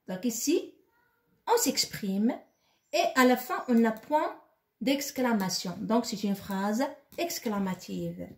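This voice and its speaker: Woman teacher, slow patient delivery, high voice, echoey room. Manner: slow and repetitive, asks questions then answers them. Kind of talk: classroom lesson for young children.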